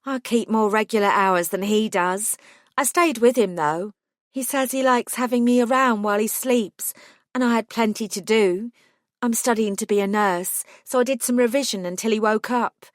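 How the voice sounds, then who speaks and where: A woman voicing a gentle young cafe worker and nursing student with a faint London accent, speaking softly and earnestly. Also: fairly high pitch, moderate pace, no room sound, studio quality, pitched above the performer's own voice, lightly acted. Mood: candid.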